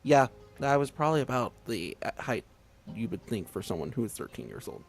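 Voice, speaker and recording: A man's voice: mid-range voice, very animated, brisk. A man streaming a story game, reading it aloud with giggly, chatty asides.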